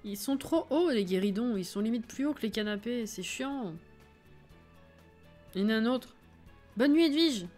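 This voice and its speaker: A woman's voice: on the high side, expressive, normal speed, long pauses, a little mellow, soft background music. A woman streaming a life-sim game, chatting casually with her viewers, laughing often and reading chat messages aloud. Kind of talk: casual live-stream chat while playing.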